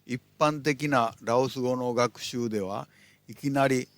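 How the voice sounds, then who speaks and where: A man's voice: mid-range voice, unhurried, no echo. A man narrating a scripted language lesson in a plain, instructive manner. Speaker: language teacher.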